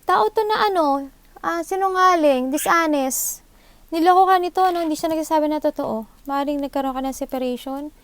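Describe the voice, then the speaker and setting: A woman with a high voice and a Filipino accent gives a live tarot reading at a moderate pace, speaking into her own microphone. She is from the Philippines and thinks aloud as she works, blending English into her Tagalog and often checking for agreement with short tag questions.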